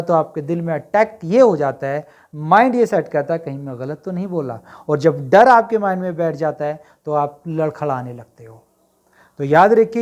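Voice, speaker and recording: A man giving a spoken English lesson, mixing Hindi with slower English phrases and directly asking his students rhetorical questions. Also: fairly high pitch, darkish tone. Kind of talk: motivational classroom lecture to camera.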